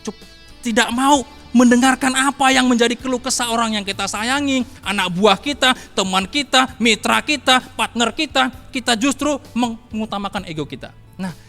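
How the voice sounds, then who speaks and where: Male preacher, high bright voice, emphatic repetition, reverberant hall with soft music under. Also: normal speed. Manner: emphatic, repeats phrases, addresses listeners as saudara. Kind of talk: morning devotional sermon.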